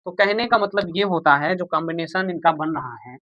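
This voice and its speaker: With a fairly high pitch and a brisk delivery, a man teaches a maths lesson, going over the steps again and again, calling his viewers "beta" and "bhaiya" and answering his own questions for them. The sound is lo-fi, with no room sound.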